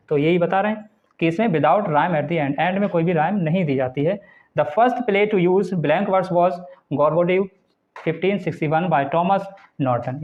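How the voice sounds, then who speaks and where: A man teaching English literature in a Hindi lecture, reading English definitions slowly and then explaining them patiently. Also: a little high. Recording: tinny phone-like sound.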